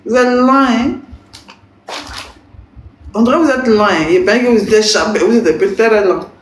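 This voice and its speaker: A slightly tipsy woman with a fairly high voice chats casually with her live-stream viewers at a moderate pace, teasing, rambling, and giggling. The recording sounds roomy, with faint ambience and slight background noise.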